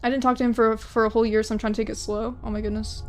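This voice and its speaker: A young woman chatting casually on a drawing livestream, rambling and self-deprecating, often restarting her sentences. Her voice sits fairly high. Faint music plays in the background. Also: level tone, very fast. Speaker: art streamer.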